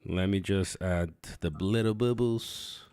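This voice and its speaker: A man's voice: low-pitched, slow pace, a little mellow, smooth, no echo, clean studio sound. A man hosting a casual game livestream, chatty and muttering to himself as he sets things up. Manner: chatty, talks to himself while setting up. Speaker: game streamer host.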